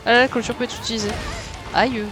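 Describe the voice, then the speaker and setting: A woman's voice: fairly high pitch, steady tone, fast, over music. A young woman playing a game with a friend, chatting playfully and poking fun at herself. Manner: playful, self-mocking. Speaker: co-streamer. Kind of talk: casual gaming chat.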